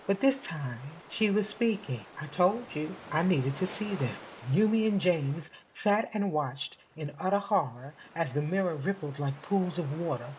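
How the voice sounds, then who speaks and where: A woman narrates a scripted horror tale in a slow, measured, dramatic way. Her voice sits fairly low. She lingers on each phrase. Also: a little mellow, slight background noise. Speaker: narrator and podcast host.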